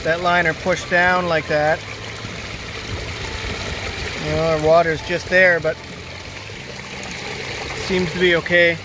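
Filming by a backyard stream with a handheld phone camera, a man who installs water features narrates a practical inspection, thinking out loud. He speaks slowly in a rather high, level voice, leaving long pauses, with background noise around him.

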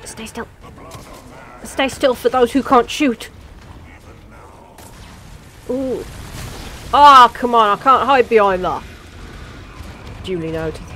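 A woman giving jokey, excitable let's play commentary, talking back to the game characters. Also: on the high side, a little hiss or hum. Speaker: gaming channel host.

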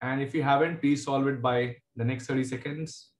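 This man's voice is mid-range, with fairly even intonation and a moderate pace. He has a South Indian accent and teaches maths in a casual online session from an indoor room, chatting and joking with students. The online class audio sounds roomy and full of echo.

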